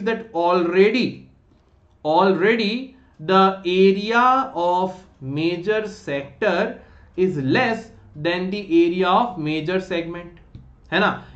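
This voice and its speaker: Male online tutor, Indian accent, instructive, checks understanding, English mixed with Hindi; echoey, slightly muffled room recording. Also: high-pitched. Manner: instructive, often checking that students follow. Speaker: online maths teacher. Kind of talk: live online lesson explanation, mixing English with Hindi. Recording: roomy echo, slightly dull sound.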